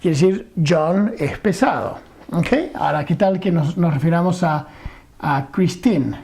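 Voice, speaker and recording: A man's voice: a little high, normal speed, vocal fry, dark tone. A middle-aged man teaching an English grammar lesson, explaining patiently and often checking understanding.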